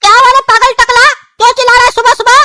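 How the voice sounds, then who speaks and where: A woman voicing a cheeky, rude young boy in a cartoon, mocking and quick to insult. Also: extremely high pitch, level tone, sharp tone, a little hiss or hum. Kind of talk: cartoon voice acting.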